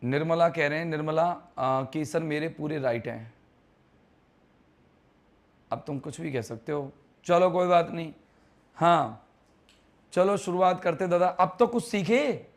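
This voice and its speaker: Man, grammar teacher, teasing and chatty, slightly high voice. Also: a little slow, long pauses. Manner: chatty, teasing, quizzes students on answers. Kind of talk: live online English grammar class.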